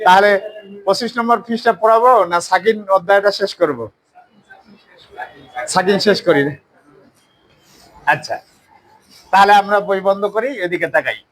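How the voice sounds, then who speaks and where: A man's voice: high voice, moderate pace, long pauses, a bit bright, low-quality recording. A man teaching a Quran recitation class in a mosque. He drills pronunciation, and he asks questions and then answers them himself.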